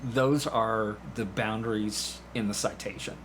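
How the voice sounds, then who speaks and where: This podcast guest, a community theatre actor, chats casually while recounting stories and acting out lines of dialogue. His lowish voice is steady, unhurried and fairly bright, though the recording is low-quality with slight background noise.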